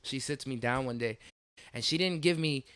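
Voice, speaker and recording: A young man co-hosting a podcast, telling childhood stories in a loose, animated way and acting out the voices. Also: medium pitch, moderate pace. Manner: animated storyteller, acts out voices, laughs often. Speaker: podcast co-host. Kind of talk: casual chat.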